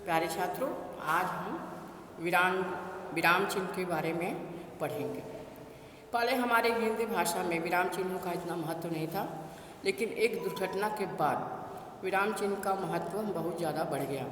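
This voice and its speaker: A woman teacher giving a classroom lesson, dictating slowly and deliberately. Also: lowish voice, a bit bright. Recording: echoey room with faint noise.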